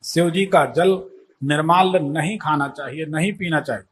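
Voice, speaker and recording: A man's voice: a little high, normal speed, a little hiss or hum. A man working as an astrologer, taking a caller's questions and pressing her with leading questions. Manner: assertive, leading questions, talks over the caller. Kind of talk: live call-in astrology consultation.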